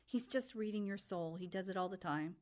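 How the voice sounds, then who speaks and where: A calm, insistent young woman guiding a soul through the afterlife, as a woman reads her aloud from a storybook. She talks briskly, and her voice sits at a plain middle pitch. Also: close to an everyday voice. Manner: brisk and insistent, calmly firm.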